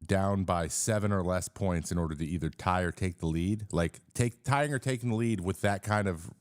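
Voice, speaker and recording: A man in his thirties hosts a casual sports live stream, talking in a low, deep voice. He rambles, restarts his sentences and greets viewers by name. The sound is dry and close, with no room echo. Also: normal speed.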